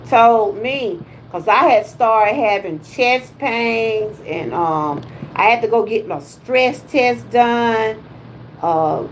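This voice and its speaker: A Georgia woman in her fifties with a Southern US accent chats casually on her wellness livestream, tossing out folksy exclamations. Her voice is fairly high, and the audio is poor with a little hiss or hum.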